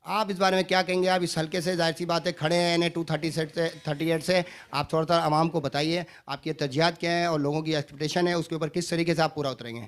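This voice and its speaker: On location at a busy party office, a man presents and interviews for an online channel, formal in manner but pausing with fillers. His voice is fairly high and shows little pitch movement.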